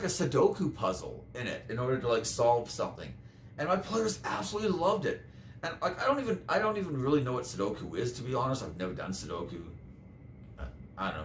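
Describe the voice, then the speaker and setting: A man's voice: mid-range voice, animated, fast talker. A man giving casual advice as a tabletop game master, rambling and chatty with lots of fillers. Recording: echoey room with faint noise.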